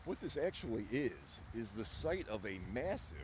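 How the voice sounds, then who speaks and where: A man, middle-aged, hosting an on-location vlog to camera outdoors, with a theatrical showman-like delivery and pauses, over wind and traffic. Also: medium pitch, very animated. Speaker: vlog host. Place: outdoors in an open park-like cemetery. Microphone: camera at arm's length.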